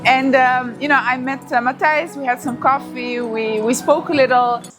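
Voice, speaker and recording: A woman's voice: high voice, fairly even intonation, normal speed, music in the background. A young woman born in Ethiopia and raised in the Netherlands, chatting casually as a vlogger and businesswoman, laughing easily and switching languages. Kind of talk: casual vlog narration and chat.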